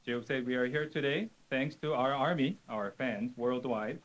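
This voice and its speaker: A man's voice: mid-range voice, normal speed, low-quality recording. A man working as an interpreter, relaying statements in a formal, orderly way at an official event.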